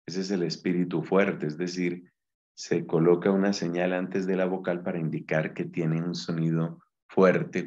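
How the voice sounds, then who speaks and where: A man's voice: low voice, darkish tone. A man, a Dominican friar, giving a Bible Greek lesson and explaining each word patiently. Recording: dull lo-fi sound.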